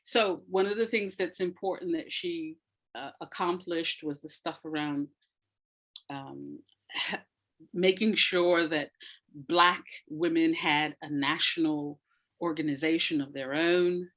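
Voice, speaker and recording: This audio drama maker, appearing as an interview guest, has a low, slightly bright voice with fairly even intonation and a slow pace. She explains things emphatically in animated interview talk, repeating phrases to drive her points home.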